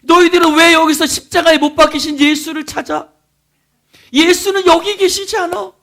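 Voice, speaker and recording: A man's voice: very high-pitched, steady tone, moderate pace, fairly bright tone, voice pushed up. A man doing a teasing, laughing angel. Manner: chuckling, playful scolding.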